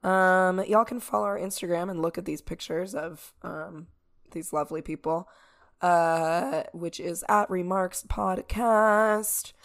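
Hoarse, low-voiced woman podcast host. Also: measured pace. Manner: informal, peppers talk with "like" and "y'all". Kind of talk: casual podcast chat.

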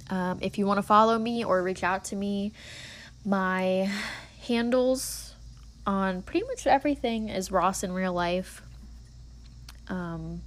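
Woman, twenties, podcast host, casual monologue, earnest, encouraging, chatty. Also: medium pitch. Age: 20s.

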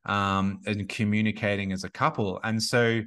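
A man's voice: lowish voice, steady tone, normal speed, fairly bright tone, clear, resonant tone. A man in his thirties, a podcast guest and business coach, talking casually and rambling with many restarts and fillers. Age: 30s.

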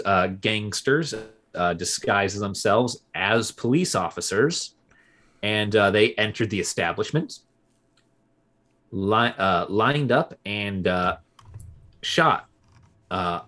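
A man with a fairly low voice co-hosting a casual history podcast. He talks in a relaxed way, often pausing on filler sounds as he retells events. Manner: relaxed, many filler uhs. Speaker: podcast co-host.

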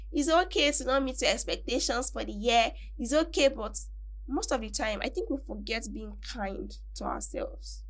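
A young Nigerian woman talks through her thoughts on a solo podcast, casual and reflective, stopping to work out everyday examples as she goes. Her voice sits a little high and rings bright and clear, with a lively forward edge. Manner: chatty, reflective, works through examples aloud. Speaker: podcast host.

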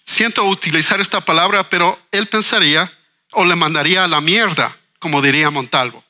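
A man's voice: fairly high pitch, fairly quick, pushed and bright. A man, a writer and educator speaking earnestly in a panel discussion, asking questions and repeating words as he thinks. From Ecuador. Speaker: writer and cultural manager guest.

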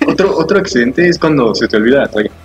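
A man's voice: medium pitch, expressive, fast, lo-fi sound. A man with a Mexican accent telling embarrassing stories in casual, slangy chat, laughing all through. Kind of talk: casual chat, comic storytelling. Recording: echoey room with background noise.

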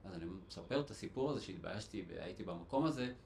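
Male host, Israeli accent, casual and colloquial, slightly low voice, roomy sound with background noise. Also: animated, a little mellow. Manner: colloquial, repeats and rephrases. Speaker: interview show host. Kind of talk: casual conversational interview. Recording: echoey room with clear background noise.

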